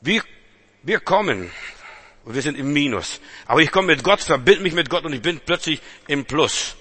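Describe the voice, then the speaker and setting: A man preaching a sermon, dramatic and full of rhetorical questions, swinging between loud exhortation and hushed intensity. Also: fairly high pitch, lively intonation, normal speed, slightly rough.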